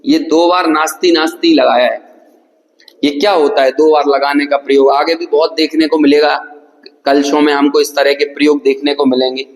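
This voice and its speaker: A man's voice: a little high, little pitch movement, normal speed. A man from India giving a scripture lecture in a hall, explaining with questions and repeated examples. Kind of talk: scripture lecture with chanted verses. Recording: echoey hall.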